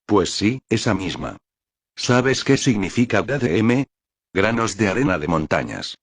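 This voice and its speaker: An actor playing a rich, philosophical, pipe-smoking Yorkshire man who talks in a calm, folksy way. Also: lowish voice, measured pace, husky, no room sound, exaggerated voice. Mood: reflective. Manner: calm, folksy, calls others lad.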